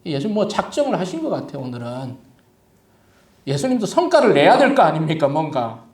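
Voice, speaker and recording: Lively, echoey Korean-church preaching man. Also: fairly high pitch, fairly quick. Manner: lively preaching with rhetorical questions and humor. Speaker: pastor. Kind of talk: sermon. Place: church sanctuary. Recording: echoey church hall from a distant mic.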